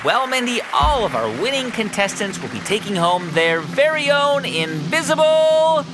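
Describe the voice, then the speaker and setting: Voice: mid-range voice, big pitch swings, normal speed, noisy background, close to an everyday voice. A performer playing an earnest, easily startled co-host in a scripted children's comedy podcast, with an exaggerated announcer delivery. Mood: showy, upbeat. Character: earnest, easily startled game show host, comic straight man. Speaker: co-host of a children's science game show podcast.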